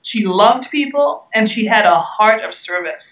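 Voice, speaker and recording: A woman's voice: mid-range voice, expressive, a little slow. A woman from the Bahamas answering interview questions in an earnest, emphatic way, leaning on repeated key words. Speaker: guest speaker and entrepreneur. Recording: roomy, distant, dull sound.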